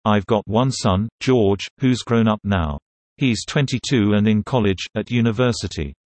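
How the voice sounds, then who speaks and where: A man reading short translated phrases for a language lesson in a measured, clear way. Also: fairly low pitch, a little mellow, dry recording. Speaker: phrase reader.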